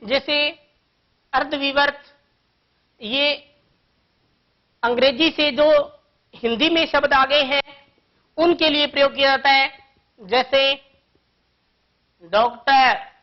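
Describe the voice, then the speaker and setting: A woman teaching a grammar lesson to young children, explaining patiently and slowly with one example after another. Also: high voice, fairly even intonation, muffled recording.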